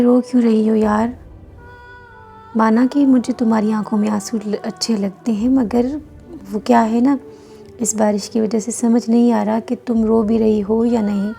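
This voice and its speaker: A woman's voice: on the high side, little pitch movement, vocal fry, warm tone, faint music behind. A woman reading as a cruel, mocking young husband. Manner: taunting, sweet words with menace.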